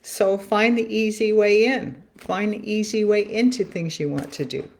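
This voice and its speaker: A woman's voice: medium pitch, moderate pace, a little hiss or hum. A woman talking on her own in a loose, earnest way, repeating phrases as she draws cards and muses. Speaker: spiritual card reader. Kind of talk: musing solo livestream talk.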